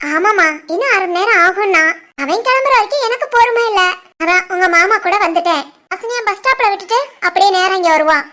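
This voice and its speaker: A sharp-tongued grandmother in an animated family tale, played by a woman, speaks in a very high, bright voice with a southern Tamil lilt from the Tirunelveli area. She fires back quick, teasing retorts and bosses the family around. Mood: fond. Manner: bossy, playful, quick retorts. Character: teasing middle-aged grandmother, sharp-tongued mother-in-law.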